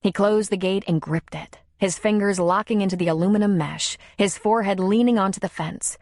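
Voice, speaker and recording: A woman narrating a romance audiobook in a measured, even reading. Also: mid-range voice, no echo, studio quality. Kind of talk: scripted narration.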